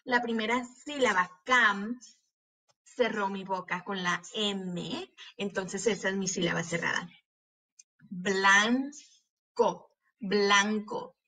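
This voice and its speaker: A woman teacher gives a slow, careful reading lesson for children. She sounds out each syllable and spells words letter by letter. Her voice is bright and a little breathy. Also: mid-range voice, steady tone.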